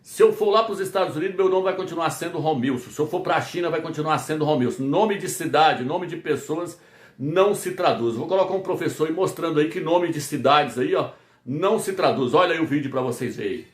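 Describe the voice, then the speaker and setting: A man's voice: a little high, brisk, reverberant. A man preaching a Bible lesson, asking questions and answering them himself with emphasis. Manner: emphatic call-and-response questions. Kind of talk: preaching a Bible teaching video.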